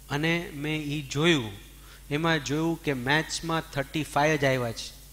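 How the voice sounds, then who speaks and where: Brief: male spiritual teacher, lively and questioning, somewhat high voice. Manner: animated, asks the audience questions, mixes English words. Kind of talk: Jain discourse to an audience.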